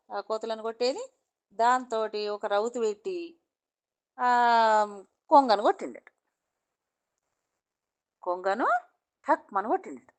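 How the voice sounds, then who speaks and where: A woman's voice: fairly high pitch, clear, resonant tone. Woman telling a folk tale in Telangana accent. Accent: Telangana Telugu. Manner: repetitive, chatty retelling. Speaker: storyteller. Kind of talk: oral folk storytelling.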